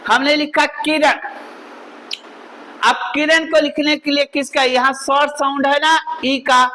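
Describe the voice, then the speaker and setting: A man's voice: extremely high pitch, sharp tone, low-quality recording. A male teacher, giving a spelling lesson and drilling the class with repeated questions and answers.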